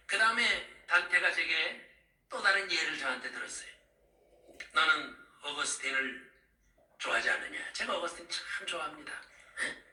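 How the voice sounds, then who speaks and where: A middle-aged male pastor preaching, telling the story of his visions and calling out to the congregation. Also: sits high. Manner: animated, calls out to the congregation. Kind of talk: sermon recounting visions. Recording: echoey room, distant mic.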